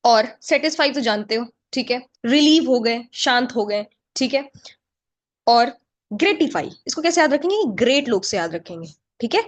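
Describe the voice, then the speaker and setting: Hindi-teacher woman, higher voice. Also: lively intonation, normal speed. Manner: mixes Hindi and English, asks the class questions then answers them. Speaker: English vocabulary teacher. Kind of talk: online exam-prep lesson.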